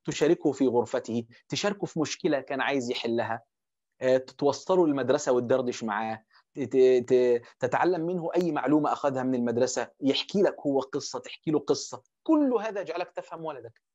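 A man's voice: medium pitch, a little mellow. A man with an Egyptian accent giving a conversational religious lecture on parenting, posing questions and answering them himself. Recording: dull lo-fi audio.

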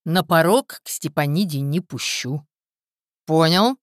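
A woman voicing a calm, stern male village hunter in an audiobook, speaking in a gruff, level, commanding way. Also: sits low, moderate pace, no room sound, clean studio sound, close to an everyday voice.

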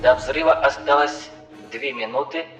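A man voicing a calm ship computer on an echoing intercom. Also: mid-range voice, soft background music, pitched above the performer's own voice. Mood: impassive. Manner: flat, measured countdown announcements. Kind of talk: audiobook narration.

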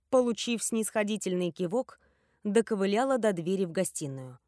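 A woman reading a first-person fantasy audiobook in a steady, measured storytelling voice. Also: medium pitch, dry recording, studio quality. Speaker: audiobook reader.

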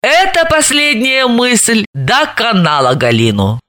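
A woman narrating an audiobook in an expressive, lively way. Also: a little high, slow. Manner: lively, acts out dialogue.

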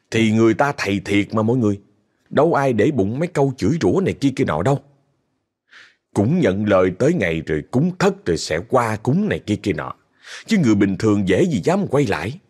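A man's voice: fairly low pitch, a little mellow, breathy edge. A man with a Southern Vietnamese accent narrating a ghost story in a chatty way, talking straight to his listeners. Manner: chatty, addresses listeners directly.

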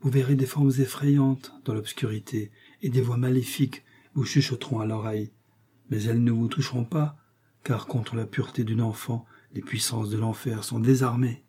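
A man voicing a lonely, centuries-old male ghost who speaks sadly, in a hushed and dreamy way. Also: medium pitch, steady tone, moderate pace, husky, close to an everyday voice. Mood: sorrowful, dreamy.

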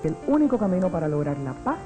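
A woman's voice: on the low side, very animated, fast talker, low-quality recording. A woman giving scripted documentary narration. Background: background music.

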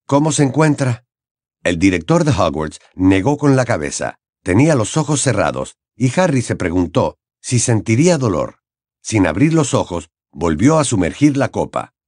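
A male audiobook narrator reading a fantasy novel in an expressive, dramatic way. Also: fairly low pitch, no echo, clean studio sound. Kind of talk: scripted narration.

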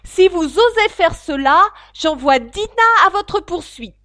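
Alice, smart stubborn little girl thinking out loud , woman reading, lively up and down voice. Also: medium pitch, normal speed, no room sound, clean studio sound. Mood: threatening. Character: clever determined young girl Alice.

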